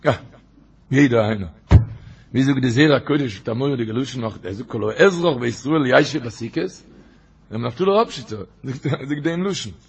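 A man, a rabbi, giving a Torah talk, who repeats his phrases and recites Hebrew quotes in a quick chant. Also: mid-range voice, lively intonation, creaky, slightly rough. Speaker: rabbi teaching.

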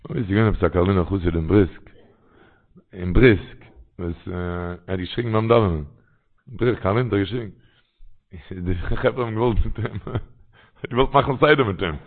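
A man's voice: low voice, normal speed, pauses often. A man telling religious stories in a rambling way, repeating his phrases. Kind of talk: storytelling religious talk. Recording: tinny phone-line sound.

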